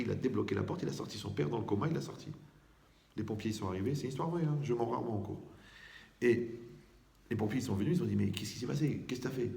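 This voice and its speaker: Gravelly-voiced man giving a lively religious lesson. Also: mid-range voice. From Morocco. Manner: storytelling, asks the audience questions, acts out voices. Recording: echoey room.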